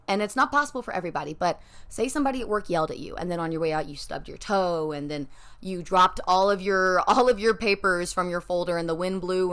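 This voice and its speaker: A woman hosting a solo podcast who talks into a microphone in an animated, rambling way and swears casually. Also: lowish voice. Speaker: podcast host.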